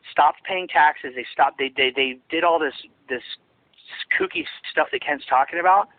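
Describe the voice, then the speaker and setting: Over a tinny, dry phone line, a man with a fairly high voice gives an interview as a former associate of a ministry. He rambles emphatically and keeps restarting his sentences.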